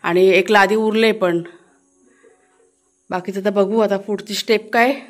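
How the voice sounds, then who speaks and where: A woman's voice: medium pitch, steady tone, unhurried, dry recording, soft background music. A woman casually chatting to her viewers while showing a village garden outdoors, with many fillers. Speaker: vlogger. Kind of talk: casual village vlog narration.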